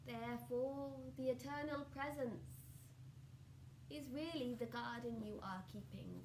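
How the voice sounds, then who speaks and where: A woman channelling a benevolent, solemn spirit collective like a seance medium, speaking in deliberate, drawn-out phrases with hushed endings and loving guidance. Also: on the high side, natural voice. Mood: serene, solemn. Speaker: trance channeller answering audience questions. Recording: roomy echo with faint background noise.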